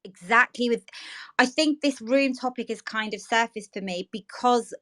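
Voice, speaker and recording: A woman's voice: on the high side, moderate pace, fairly bright tone, dry recording. A woman hosting a casual discussion, thinking aloud and searching for words. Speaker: host.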